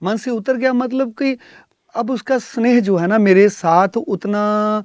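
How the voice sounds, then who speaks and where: A middle-aged man speaks as a guest on a music show. His voice sits a little high for a man, and he explains things carefully with frequent pauses. The recording is dry and close. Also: fairly even intonation, darkish tone, no echo. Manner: thoughtful, explaining, with frequent hesitations. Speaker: guest singer. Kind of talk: studio interview.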